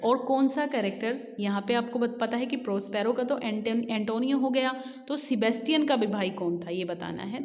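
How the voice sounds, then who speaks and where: Echoey woman teacher explaining exam answers. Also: on the high side. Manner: reads questions slowly, explains in mixed Hindi and English, corrects herself. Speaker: English literature teacher. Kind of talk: exam practice lesson. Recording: echoey room with long reverb.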